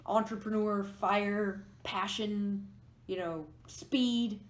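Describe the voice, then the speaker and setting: A woman's voice: mid-range voice, steady tone, very slow. Tarot reader, female, mid-range voice, thinks aloud while walking through the cards; room with noticeable echo. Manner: musing, explains each card as she goes. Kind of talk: pick-a-card tarot reading to camera. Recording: echoey room.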